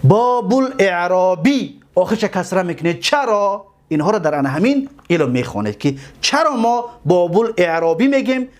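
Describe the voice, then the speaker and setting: A man with a Tajik accent teaching a grammar class. He explains slowly, repeats words and keeps asking his students questions. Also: sits high, very animated, darkish tone.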